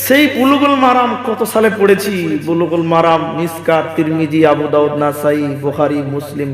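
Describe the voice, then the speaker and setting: Speaking at a normal speed in a somewhat high voice, this Islamic preacher from Assam, India, gives a sermon full of humor. Rhetorical questions let him tease his listeners. His words ring out with the long reverb of an echoey hall.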